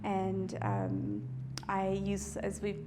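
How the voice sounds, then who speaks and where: Very slow and mid-range, the woman's voice swings widely in pitch over a noisy background. The East Coast artist is interviewed casually in her indoor art studio, speaking thoughtfully with lots of fillers, restarts and light laughs.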